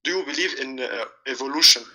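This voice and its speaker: A man's voice: medium pitch, fast, bright, forceful tone. A young man from Lebanon calling in to a show over Skype, speaking hesitantly and stumbling over his words. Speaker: caller. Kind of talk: phone-in call.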